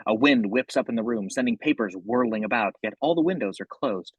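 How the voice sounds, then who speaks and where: A man narrates a horror script in a husky voice, describing each action in the present tense. The recording is dry and close, with no room around him. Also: mid-range voice, a little fast, no echo, muffled recording.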